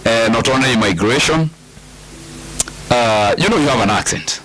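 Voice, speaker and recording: A man's voice: mid-range voice, moderate pace, pushed and bright, slight background noise, low-quality recording. A middle-aged man from Kenya with a Kikuyu Kenyan accent, talking casually and emphatically as an interview guest, like a storyteller. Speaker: guest, comedian.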